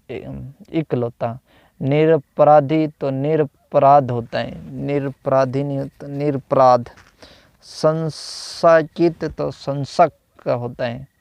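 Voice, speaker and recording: A man teaching a grammar lesson at an unhurried pace, going through one word after another with a steady drilling repetition. His voice has a gravelly edge but stays smooth and resonant. The recording is dry and a little dull, like a cheap microphone. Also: fairly high pitch, no room sound. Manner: slow, repeats each corrected word with "तो ... होता है"; hesitant, with fillers and self-corrections. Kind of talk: reading out a Hindi grammar lesson.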